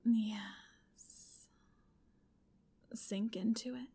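Slow, husky whispering woman. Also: a little high, steady tone. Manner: softly commanding, intimate whisper. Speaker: roleplay narrator. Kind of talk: whispered ASMR roleplay.

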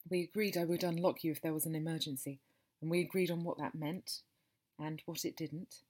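A woman softly narrating an intimate monologue to the listener, breathy and slipping into whispers, tender and possessive in manner. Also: deep voice, fairly even intonation, brisk. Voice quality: breathy and soft. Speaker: narrator of an intimate audio story.

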